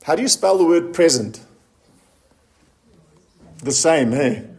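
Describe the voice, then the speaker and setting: High-voiced male preacher. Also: animated, a little mellow. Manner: slows down to read scripture in a low, solemn voice; asks the congregation questions and laughs lightly. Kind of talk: sermon.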